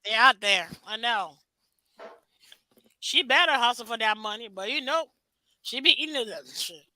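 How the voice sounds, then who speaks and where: Bright, brash woman host. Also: on the high side, expressive, moderate pace, no room sound, rough recording. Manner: brash, crude and laughing. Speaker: show host. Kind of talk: casual podcast chat.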